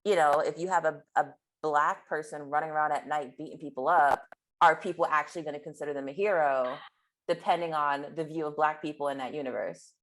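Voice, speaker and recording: A woman's voice: sits low, fairly even intonation, fairly quick, fairly bright tone. A woman in casual podcast chat, thinking aloud in a tentative, thoughtful way. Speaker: podcast guest.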